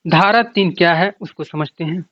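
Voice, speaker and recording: Here an exam coach explains things casually, going back over points and answering his own questions. His voice sits high and moves at a moderate pace, captured dry and lo-fi with a dull tone.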